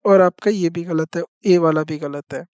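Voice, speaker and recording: A teacher giving an exam-prep lesson who repeats each point, reads statements out slowly and keeps checking in with the class. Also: medium pitch, a little mellow, no echo, muffled recording. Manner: reads out English statements slowly, then explains them in Hindi.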